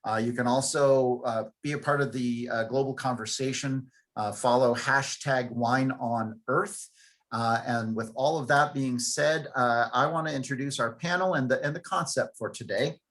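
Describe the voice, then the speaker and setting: A man's voice: medium pitch, moderate pace, fairly bright tone. A man hosting an online wine tasting over a video call, chatting loosely with plenty of filler words. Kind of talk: casual live-stream hosting.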